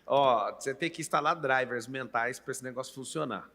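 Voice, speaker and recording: A Brazilian podcast host and coach in his late thirties conducts a motivational interview, speaking emphatically in a coaching style and often turning to address the viewer. His mid-range voice sounds pushed and bright at a moderate pace, in a large hall.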